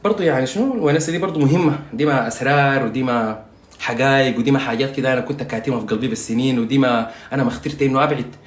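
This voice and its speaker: A man's voice: mid-range voice, racing, roomy sound. A man with a Sudanese Arabic accent, a singer ranting casually to his viewers while doing his makeup, rambling and mocking, often asking if they understand. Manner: rambling, mocking, insulting, with frequent "you understand?".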